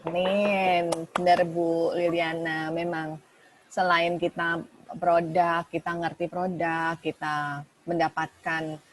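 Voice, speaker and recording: Low-voiced woman hosting an online meeting. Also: level tone, slow, slight background noise. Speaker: meeting host. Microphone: video call.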